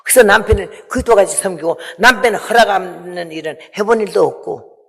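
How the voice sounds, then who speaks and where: A woman's voice: mid-range voice, a little fast, vocal fry, fairly bright tone, breathy edge. A woman in her eighties, a missionary giving an emotional testimony sermon and acting out the dialogue she recounts. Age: 80s. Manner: emotional, acts out quoted dialogue. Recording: long reverb of a large hall.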